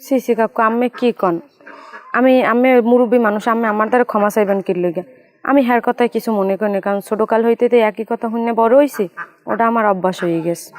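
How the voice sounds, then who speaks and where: An actress playing a calm, polite village bride-to-be who speaks softly in rural dialect. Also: female voice, on the high side, fast, natural voice. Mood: gentle. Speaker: actress in a village comedy drama. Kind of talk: rural comedy drama acting.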